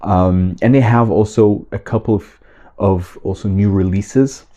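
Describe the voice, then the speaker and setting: Man, low voice, mellow tone, casual vlog chat, enthusiastic, halting with fillers. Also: steady tone. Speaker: fragrance vlogger. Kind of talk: casual talk to camera.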